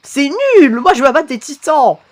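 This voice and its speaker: A woman's voice: sits high, normal speed, a little mellow, slight background noise, pitched above the performer's own voice, natural voice. A woman voicing a cheeky, impatient young alien son who whines and mocks his father. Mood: whiny.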